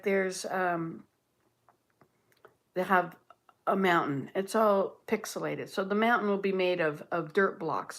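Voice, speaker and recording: This livestream host, a woman from Canada in her late sixties, has a fairly low-pitched, fairly bright voice. She chats casually, thinking out loud and answering viewers' comments as she reads them.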